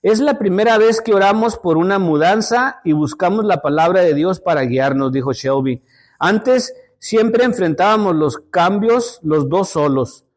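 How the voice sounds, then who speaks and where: A man's voice: sits high, lively intonation, unhurried. A man teaching a Sunday school lesson, telling stories and often repeating and restarting his words as he speaks to the brothers and sisters. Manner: storytelling, addresses listeners as brothers.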